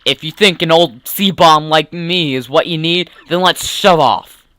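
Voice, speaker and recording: A man voicing an old, grieving sailor who is a living bomb, speaking slowly, low and solemn. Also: bright, forceful tone, no echo, studio quality. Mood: gruff.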